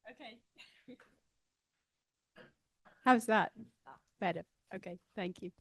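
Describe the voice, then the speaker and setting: A woman's voice: medium pitch, slow pace, dry recording. A woman from England with an English accent, speaking in front of an audience as a biologist informally explaining science to lay listeners. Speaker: stem cell biologist, guest speaker.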